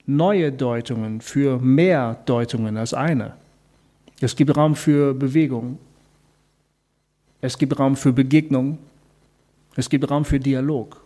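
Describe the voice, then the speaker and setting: Mellow-voiced man giving a faith talk. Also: mid-range voice. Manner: explains calmly, speaks directly to the listener; asks rhetorical questions.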